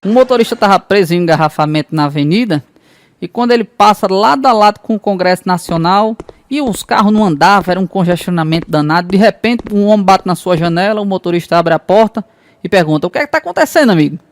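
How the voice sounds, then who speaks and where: Homem contando piadas, voz seca. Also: male voice, sits high, fast, no room sound. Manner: folksy joke-telling, drawling punchlines. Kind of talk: scripted joke narration.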